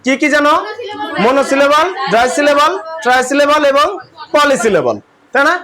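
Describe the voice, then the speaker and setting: A man's voice: very high-pitched, fairly quick, crowd noise. A man with a Bangladeshi accent teaching English grammar to a class, asking questions and repeating the answers.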